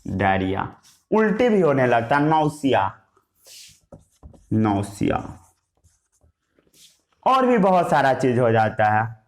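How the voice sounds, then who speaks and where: Very animated yet slow, with long pauses, this mid-range male voice belongs to a teacher giving a science lesson in Hindi with English terms. He asks and answers his own questions, repeating the key words while writing.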